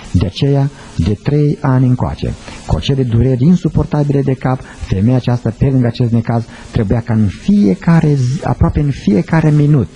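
A man's voice: medium pitch, warm tone, low-quality recording. A middle-aged male pastor preaching an impassioned sermon, his voice rising and falling.

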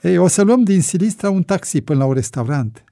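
A man voicing a calm, laconic man with a mustache. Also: high voice, creaky, no room sound, clean studio sound, pitched above the performer's own voice. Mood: dry.

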